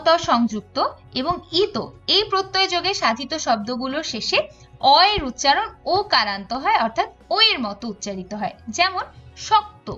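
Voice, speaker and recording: Bright high-voiced lady teacher walking through examples, bit dull audio, faint music under. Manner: explanatory, spells out examples one by one. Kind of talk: online class lecture on pronunciation rules.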